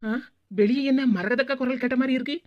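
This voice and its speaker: A woman's voice: high-pitched, steady tone, brisk, no echo, lo-fi sound, pitched below the performer's own voice, lightly acted. A woman voicing a put-upon young daughter-in-law in a cartoon, grumbling to herself. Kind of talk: cartoon voice acting.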